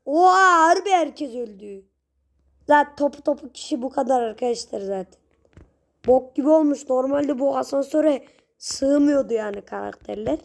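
A young woman giving casual gameplay commentary, chatty with her viewers and prone to sudden shrieks and yells at the game. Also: high voice, normal speed, vocal fry. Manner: chatty, talks straight to viewers. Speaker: gaming channel host.

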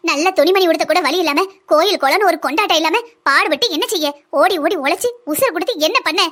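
A woman's voice: very high-pitched, quick pace, fairly bright tone. A woman voicing an aggrieved village mother in a cartoon, with a southern Tamil accent, lamenting and scolding at length. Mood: resolute. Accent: southern Tamil (Kanyakumari-Tirunelveli). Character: aggrieved village mother, brooding and sharp-tongued. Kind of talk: cartoon voice acting.

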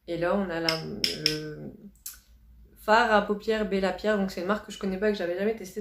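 Chatty woman vlogger in a roomy space. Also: medium pitch. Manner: chatty, gushing, repeats words for emphasis. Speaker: beauty vlogger unboxing a box. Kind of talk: casual chat to camera. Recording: roomy echo, faint hiss.

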